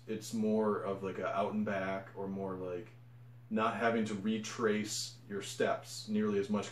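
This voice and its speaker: A man's voice: lowish voice, reverberant. A man talking casually to camera about running challenges, rambling and correcting himself as he goes. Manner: rambling, self-correcting, enthusiastic. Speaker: ultra runner vlogger. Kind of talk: casual unscripted monologue.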